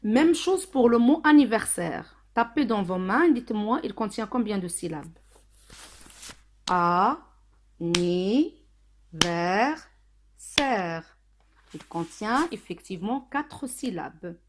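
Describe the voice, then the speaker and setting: A woman teaching a phonics lesson to children, speaking slowly and spelling out sounds syllable by syllable. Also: on the high side, lively intonation, darkish tone. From Morocco. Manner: slow, deliberate, syllable by syllable.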